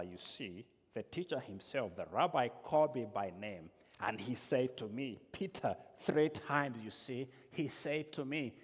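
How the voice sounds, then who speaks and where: A man preaching a sermon slowly and emphatically, with sudden swings in loudness, often speaking in the first person as a biblical figure. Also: mid-range voice, breathy edge. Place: church. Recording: long reverb of a large hall.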